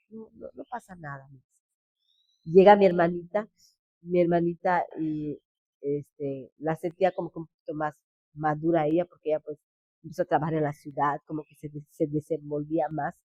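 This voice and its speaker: A woman pastor with a Yucatán Mexican Spanish accent tells her testimony in a fairly low voice, earnest and halting, often restarting her phrases. The recording sounds dry and a little dull. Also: mellow, dry recording. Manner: earnest, halting, with frequent restarts and quoted speech. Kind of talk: personal testimony, spoken storytelling.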